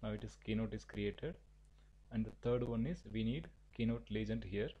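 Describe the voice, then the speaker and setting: A man teaching a software tutorial, giving halting step-by-step instructions with frequent restarts. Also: on the low side, husky, dull audio. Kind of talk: screen-recorded software tutorial.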